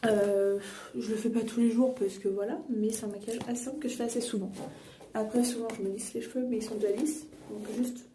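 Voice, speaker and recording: A woman's voice: a little high, warm tone. A young woman vlogger chatting casually while doing her makeup, rambling with many fillers and self-corrections. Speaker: beauty and books vlogger. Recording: echoey room, a bit far from mic, faint noise.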